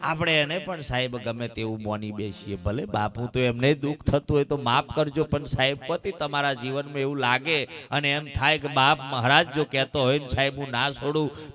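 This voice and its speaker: A man with a Gujarati accent preaching a folk sermon at a village religious gathering, telling stories and firing rhetorical questions at the crowd. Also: fairly high pitch. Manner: animated, addresses crowd as "saheb" and "bap", asks rhetorical questions. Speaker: bhajan satsang preacher.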